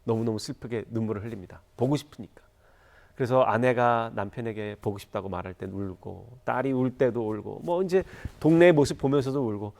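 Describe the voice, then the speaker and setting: A man's voice: mid-range voice, fairly quick, gravelly, darkish tone. A Korean man preaching a church sermon, telling a moving story and rising to fervent appeals. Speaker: pastor.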